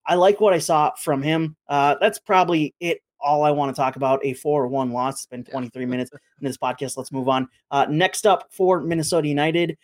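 A man's voice: medium pitch, fairly even intonation, a little fast, few pauses. An American man hosting a sports podcast, talking through results and upcoming fixtures in a matter-of-fact way. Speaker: sports podcast host and match broadcaster. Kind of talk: sports podcast talk with schedule announcements.

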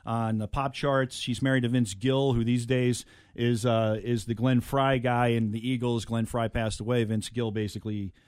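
A man hosting a comedy show, chatting casually and a little haltingly as he introduces clips. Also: mid-range voice, little pitch movement, a little mellow, smooth, dry recording, studio quality. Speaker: host of a comedy clip show.

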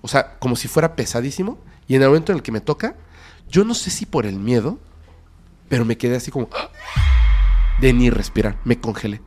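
A Mexican man appears as a guest on a podcast, telling a spooky story during the interview. His voice is medium-pitched and quick, and his delivery is dramatic, dropping into whispers and then bursting out loudly.

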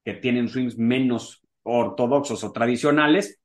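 A man's voice: mid-range voice, measured pace. A man co-hosting a casual golf podcast, talking in long rambling sentences full of fillers. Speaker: podcast co-host.

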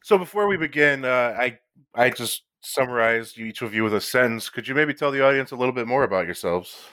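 A man's voice: medium pitch, expressive, a little fast, a bit bright, no room sound. A man hosting a podcast interview, reading a polite and formal introduction before he questions his guests. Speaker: podcast host.

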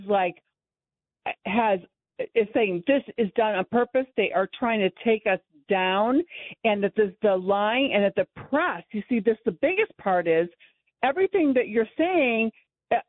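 Lady calling a radio show on a tinny phone, earnest, keeps restarting sentences, kinda high voice. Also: dry recording. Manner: halting, restarts phrases, earnest. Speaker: radio call-in guest. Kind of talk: impassioned casual political talk. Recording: thin, narrow phone line.

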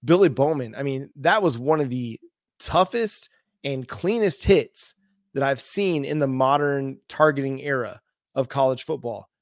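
A man's voice: mid-range voice, a little slow, no echo, studio quality. A man hosting a sports talk show, giving earnest analysis and building his points through repetition.

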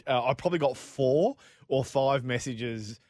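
A man's voice: medium pitch, unhurried, a little mellow, no echo. Jokey male radio co-host, dry sound. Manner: jokey, reads listener texts with a laugh. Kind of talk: casual radio banter.

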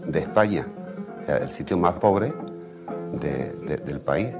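Very deep Andalusian man over guitar. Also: animated. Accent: Andalusian Spanish. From Andalusia, Spain. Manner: unhurried, acts out family quotes in raised voices. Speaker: flamenco guitarist. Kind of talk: reflective storytelling interview. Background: flamenco guitar music.

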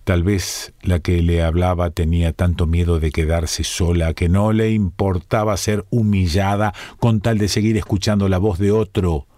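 A man with a Rioplatense Spanish accent narrating an audiobook in a calm, measured way. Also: low-pitched, no room sound, studio quality.

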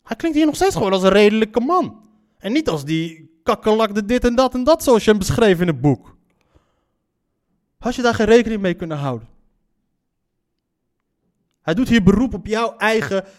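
A man's voice: high-pitched, big pitch swings, brisk. A man reacting to a story he reads aloud, blunt and incredulous, swearing and stumbling over repeated words. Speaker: reaction commentator. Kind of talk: reaction commentary.

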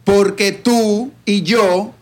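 A man's voice: high-pitched, steady tone, extremely slow, darkish tone. A young man from Venezuela with a Venezuelan accent, joking and laughing through a casual podcast chat. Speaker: podcast guest.

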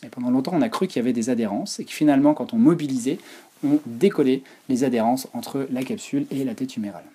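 A man's voice: mid-range voice, quick pace, mellow, slightly rough. A man giving an informal, explanatory online lecture on physiotherapy.

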